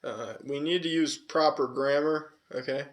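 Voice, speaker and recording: Co-hosting a podcast, this Californian man carries a faint Southwestern flavor in his speech. His voice sits a little high and moves at a measured pace as he rambles casually, swearing and using plenty of fillers.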